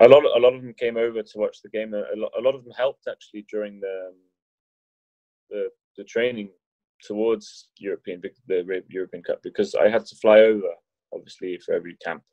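Chatty man, low voice, muffled dry sound. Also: fairly even intonation, brisk, warm tone, no echo. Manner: rambling, many restarts, jokey. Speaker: wheelchair rugby league player, podcast guest. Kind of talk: casual chat.

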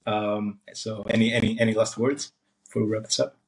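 A man hosting a casual interview, upbeat and quick to praise and affirm his guest. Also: on the low side, flat delivery, vocal fry, darkish tone. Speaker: interview host.

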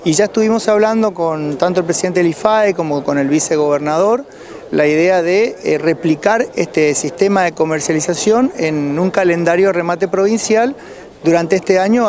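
A middle-aged Argentine man with a fairly high-pitched voice speaks as a rural association official. He gives unscripted answers into a reporter's microphone outdoors. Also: darkish tone. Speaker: president of a rural producers' federation, interviewee. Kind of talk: on-site news interview, unscripted answers. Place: outdoors at cattle auction pens. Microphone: handheld reporter's microphone.

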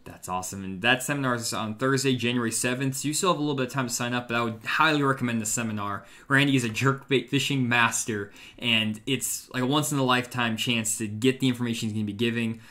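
A young male host chats over a video call from his room at home, eagerly pitching and recommending with plenty of ums and likes. His voice sits at an everyday middle pitch, relaxed and conversational. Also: fast, hardly any pauses. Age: young adult. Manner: enthusiastic promotional pitch with fillers. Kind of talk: casual live-stream chat.

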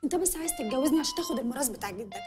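A wary, teasing young Egyptian woman in a high voice. She trades quick, suspicious banter at great speed. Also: lively intonation, darkish tone, faint music behind. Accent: Egyptian Arabic. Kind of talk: TV sitcom acting.

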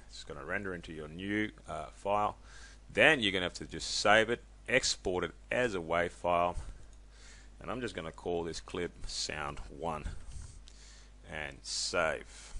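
Gravelly low-voiced man talking through a tutorial. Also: pushed and bright, a little hiss or hum. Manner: chatty, loose, with many ums and self-corrections. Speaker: software tutorial maker. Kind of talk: casual screen-recorded tutorial.

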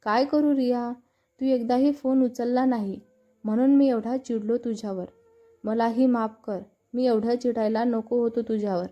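A woman's voice: on the high side, steady tone, moderate pace, natural voice. A woman voicing an irritated but tender young man in an audio story. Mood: apologetic. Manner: irritated, reproachful. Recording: dull lo-fi narration with faint music.

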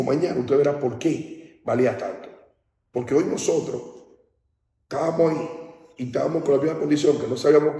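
A Dominican pastor delivers a sermon at a baptism, speaking straight to the congregation in a conversational way and frequently asking "¿entiendes?" to check they follow. His medium-pitched voice is mellow and warm, captured off-mic from a distance in a large, echoing hall.

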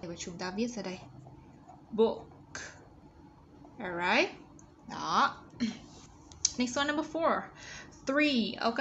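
A woman teaching young children, walking through exercises and modeling English words slowly for them to repeat. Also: mid-range voice, a bit bright. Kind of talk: step-by-step exercise walkthrough. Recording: slightly dull audio with faint background noise.

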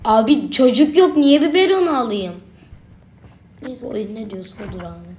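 A woman's voice: a little high, expressive, moderate pace, darkish tone. A young woman commenting casually while playing a babysitting horror game, chatting to her viewers and talking back to the on-screen baby. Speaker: gaming video creator. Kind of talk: let's play commentary.

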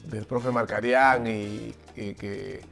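A man's voice: lowish voice, steady tone, slow, creaky, a bit bright, faint music behind. A man hosting a casual interview and prompting his guest with questions and names. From Peru. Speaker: host.

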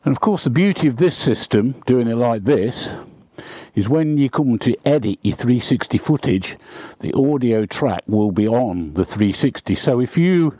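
A man's voice: mid-range voice, animated, normal speed, no echo, highs cut off. A man chatting casually as he vlogs from a motorbike, recorded on a mic inside his helmet. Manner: chatty, conversational. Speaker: motovlogger. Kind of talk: casual vlog commentary while riding. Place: outdoors on a motorbike on country roads. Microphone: wireless mic inside a helmet. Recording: band-limited helmet mic, loud wind and engine noise. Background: wind and motorbike noise.

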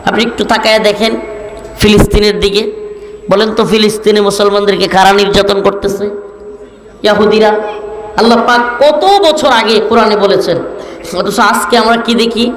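A man from Bangladesh preaching a sermon, rhetorical and building to shouted emphasis. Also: high voice, normal speed. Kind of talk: Bengali waz sermon. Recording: echoey hall with faint noise.

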